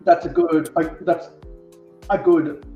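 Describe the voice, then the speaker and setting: A man's voice: on the high side, steady tone, takes it slowly, lo-fi sound, faint music behind. Stammering man, distant echoey mic. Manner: stammering restarts, breaks into sung theme songs. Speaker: co-host. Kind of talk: casual livestream chat.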